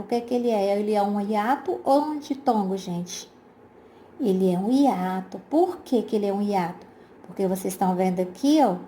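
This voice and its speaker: A woman's voice: medium pitch, dark tone, slight background noise. A Brazilian woman teacher explaining a grammar exercise to her pupils in a recorded lesson, patient and repetitive, often checking in with her class and using fond diminutives. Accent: Brazilian Portuguese. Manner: addresses pupils as "gente", uses diminutives.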